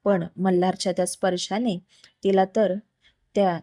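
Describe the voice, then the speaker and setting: A woman storyteller reading a romance story aloud in an even, unhurried way. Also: medium pitch, dry recording.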